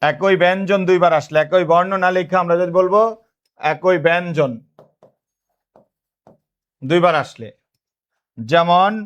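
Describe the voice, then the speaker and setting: Male teacher from Bangladesh, high-pitched, drills students with repeated questions and slow dictation. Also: a bit bright, clean tone, lo-fi sound. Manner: repetitive call-and-response questioning; dictates notes slowly, repeating phrases. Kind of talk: online class lecture.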